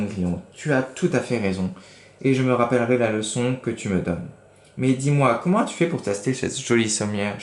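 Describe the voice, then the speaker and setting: A man's voice: mid-range voice, echoey room, close to an everyday voice. A man reading aloud and voicing a wooden puppet boy in a storybook, earnest and eager.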